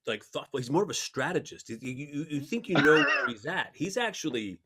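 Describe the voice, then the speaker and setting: Hoarse-sounding man with a lively, swooping voice. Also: on the high side. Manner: halting, repetitive, describes a castmate. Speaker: actor, interview guest. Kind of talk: press junket interview.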